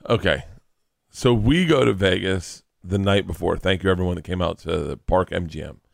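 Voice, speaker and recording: A man's voice: sits low, moderate pace, vocal fry, no room sound, studio quality. A young adult man co-hosting a podcast, telling rambling stories in casual chat, swearing and acting out what people said. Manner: rambling storyteller, swears, acts out quotes. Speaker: podcast co-host.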